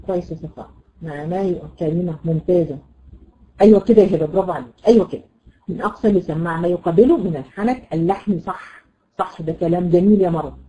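A woman with an Egyptian accent teaching a Quran recitation lesson, explaining patiently, repeating words and checking understanding with quick questions. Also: fairly low pitch, dark tone, low-quality recording. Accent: Egyptian Arabic. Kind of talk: classroom lesson.

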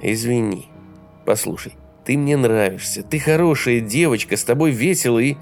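Male narrator as an aloof, sarcastic young man in an audiobook, slow and gravelly. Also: mid-range voice, darkish tone, faint music behind, lightly acted. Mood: evasive.

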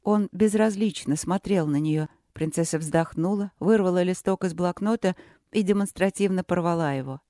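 A woman narrating a story in a steady, measured manner. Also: on the low side, no echo, studio quality. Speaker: audiobook narrator. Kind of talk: scripted narration.

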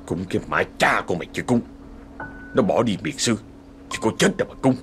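A man's voice: fairly low pitch, expressive, brisk, a bit bright, soft background music. A man voicing a grumpy, bossy rich landowner who scolds and snaps. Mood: snapping. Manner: snapping, scolding.

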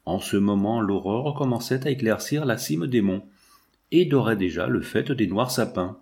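A man reading a classic novel aloud in measured literary narration. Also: lowish voice, expressive, creaky, a little mellow.

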